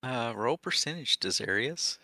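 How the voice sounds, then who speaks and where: A man's voice: mid-range voice, animated, moderate pace, pushed and bright, dry recording, clean studio sound. A man narrating a tabletop game as its game master.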